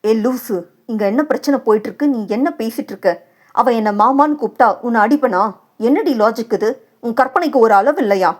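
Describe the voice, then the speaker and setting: A woman's voice: a little high, fairly quick, lightly acted. Woman voicing stern young husband, firm, reproachful, caring, audio novel. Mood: exasperated.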